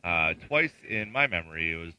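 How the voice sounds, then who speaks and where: A man co-hosting a casual sports podcast, rambling with many pauses. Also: sits low, expressive, bright, forceful tone, smooth, lo-fi sound. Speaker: podcast co-host.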